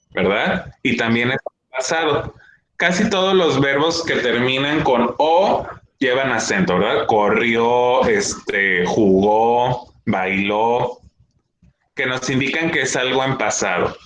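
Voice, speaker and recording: A young man teaches a class in a slow, patient way and keeps checking that his students follow. His voice is bright and clear. The room echoes, with faint ambient noise behind him. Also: medium pitch. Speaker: schoolteacher. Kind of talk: classroom lesson.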